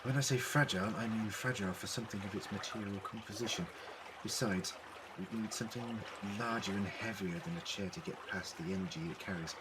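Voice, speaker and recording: A man playing an eccentric, quick-thinking time-travelling doctor in a fan audio drama, musing theatrically. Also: fairly low pitch, very noisy, close to an everyday voice. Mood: analytical. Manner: theatrical, musing aloud to himself.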